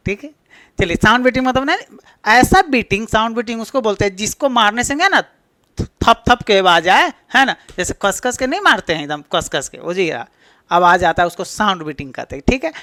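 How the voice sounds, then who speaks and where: A man's voice: sits high, bright, forceful tone, no room sound. A man with a Bihari Hindi accent teaching an exam-prep English lesson, explaining step by step and answering his own questions. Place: classroom with a board.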